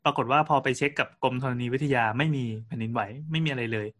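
A man co-hosting a casual podcast chat, relating events in a loose storytelling way. He keeps stopping and restarting his sentences and fills gaps with small sounds. His pitch sits in a middle range for a man. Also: quick pace, a bit bright. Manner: storytelling with frequent restarts and fillers. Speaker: podcast co-host.

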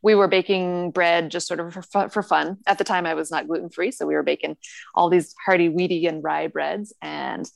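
A woman in her forties from Northern California, a guest chatting casually in an interview, self-deprecating and quick to laugh. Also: fairly low pitch, fairly even intonation, gravelly, no room sound. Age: 40s. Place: home with the lights off.

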